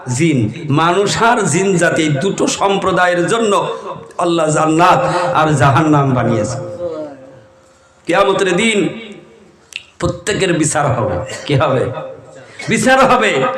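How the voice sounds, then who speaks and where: A man preaching a sermon to a crowd in rural spoken style, chanting verses and prompting the listeners to respond. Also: a little high. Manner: calls on the crowd to answer and shout along; rural spoken Bengali with vivid storytelling. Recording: echoey hall.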